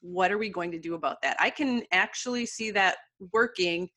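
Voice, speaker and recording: A woman's voice: medium pitch, normal speed, bright, forceful tone. Wry woman host musing. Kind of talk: casual chat.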